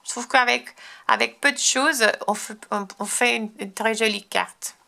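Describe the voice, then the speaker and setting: Gravelly-voiced French woman showing crafts. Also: fairly high pitch, normal speed, bright, forceful tone. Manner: chatty, enthusiastic, frequent restarts and fillers. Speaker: crafting tutorial host. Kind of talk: casual show-and-tell tutorial.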